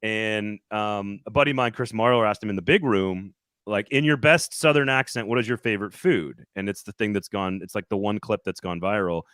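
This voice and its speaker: A man's voice: on the low side, a little fast, fairly bright tone, smooth, dry recording, clean studio sound. A man hosting a casual sports talk show, rambling and restarting his sentences often. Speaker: sports podcast host reporting on location.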